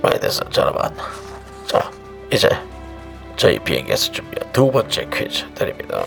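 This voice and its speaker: A man's voice: extremely low pitch, wildly swooping pitch, a little slow, creaky, music in the background, pitched below the performer's own voice, full character voice. A man speaking in the voice of a male airline captain making in-flight announcements to passengers, in a formal, announcer-like delivery. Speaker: radio co-host.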